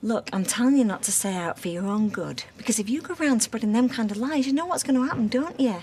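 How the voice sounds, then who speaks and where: An actress plays a mother, speaking in a stern, insistent way. Her voice is high and very animated. A faint hiss lies behind her. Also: quick pace, lightly acted. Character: stern defensive mother lecturing her daughter.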